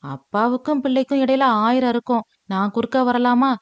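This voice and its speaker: A woman's voice: fairly high pitch, fairly quick, no room sound, lo-fi sound, pitched above the performer's own voice, natural voice. A woman voicing Indhuja, a playful teasing young wife. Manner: teasing, lively banter.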